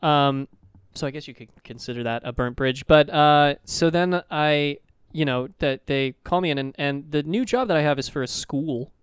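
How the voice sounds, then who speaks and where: A man's voice: on the high side, normal speed, few pauses, smooth, dry recording, studio quality. A young man telling a rambling story in casual chat, swearing freely and full of fillers. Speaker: podcast co-host.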